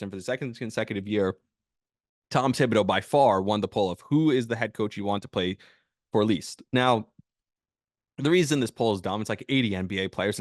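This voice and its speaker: A man with a fairly low voice hosts a sports talk show, making his case with passion and emphasis. His delivery is casual and loose, full of restarts, and it swells into loud outbursts. The sound is dry and close, with no room around it. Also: no room sound. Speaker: sports podcast host. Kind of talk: opinionated sports talk monologue.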